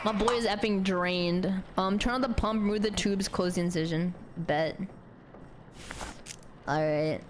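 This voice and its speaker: A young woman streaming a game, chatting to her viewers, giggling and filling pauses with "um". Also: mid-range voice, noisy background. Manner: talks to chat, animated, giggly, mumbles "um" often. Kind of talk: casual gameplay commentary.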